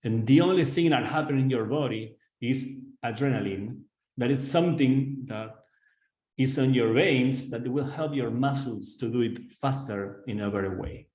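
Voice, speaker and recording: Argentine-accented male executive coach, earnest webinar delivery, mid-pitched, roomy echo. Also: moderate pace, darkish tone. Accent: Argentine Spanish. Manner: earnest, addresses audience directly, frequent "right?" tag questions. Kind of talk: webinar presentation.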